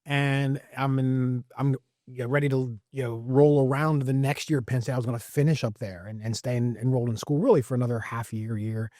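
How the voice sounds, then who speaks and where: A man's voice: mid-range voice, fairly even intonation, a little fast, warm tone, dry recording, clean studio sound. A man in his forties with a Central Pennsylvania accent, a guest coach reflecting in a podcast interview, with many fillers and repeated words. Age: 40s. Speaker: guest, wrestling coach and teacher. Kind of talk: conversational interview.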